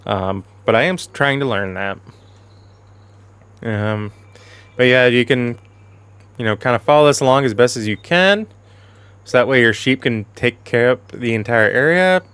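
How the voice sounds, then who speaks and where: A man's voice: medium pitch, animated, moderate pace, pauses often, a bit bright, clean tone, no echo. Casual man with a fading voice. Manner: rambling, self-correcting, chatty. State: losing his voice, clearing throat. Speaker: gaming channel host. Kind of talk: casual game commentary.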